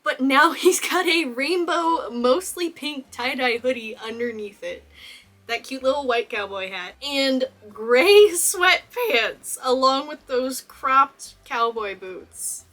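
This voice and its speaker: A young Texan cosplayer and video host chats enthusiastically through a casual analysis of movie costumes, laughing often. Her voice sits high and is a bit bright, expressive, and slow in pace.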